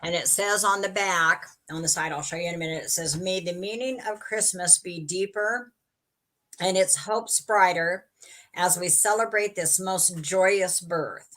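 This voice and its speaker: Lady chatting thru a live sale, kinda low voice, rambles and fixes her own slips. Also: a little slow, fairly bright tone. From western United States. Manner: chatty, rambling, self-correcting. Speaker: online live sale host. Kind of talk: casual live-stream selling chat.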